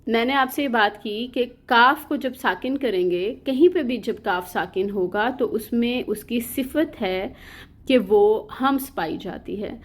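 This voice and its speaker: A woman with a Pakistani Urdu accent teaching Quranic letter pronunciation in an online lesson, explaining patiently and repeating sounds slowly. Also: a little high.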